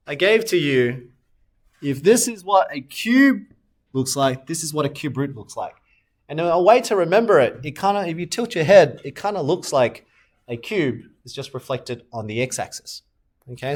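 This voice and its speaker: Soft clicks sound in the background as a maths teacher with a slightly high voice explains a recorded lesson one step at a time. He puts questions to students, answers them himself, and fixes his sketches aloud as he draws them on screen.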